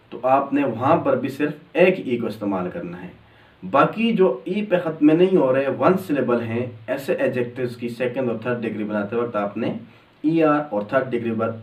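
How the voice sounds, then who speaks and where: A man explaining English grammar step by step, drawing out example words slowly. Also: mid-range voice. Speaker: English teacher. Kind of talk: grammar lesson. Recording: echoey room, distant mic.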